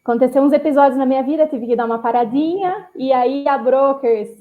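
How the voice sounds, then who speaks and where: A woman who spent years working at a bank joins a live stream as a guest for casual talk, speaking hesitantly with many fillers. Her voice sits high and brisk, coming through a headset with tinny call audio.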